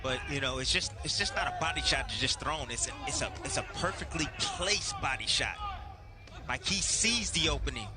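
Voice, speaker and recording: A man's voice: mid-range voice, lively intonation, normal speed, over music. A man giving conversational boxing analysis as an ex-fighter, repeating phrases for emphasis.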